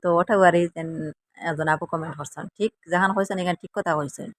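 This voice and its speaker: A woman's voice: on the low side, quick pace, no room sound. A woman from Assam with a Sylheti accent, chatting to viewers in a casual cooking vlog in a rambling, chatty way. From Assam, India. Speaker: vlogger.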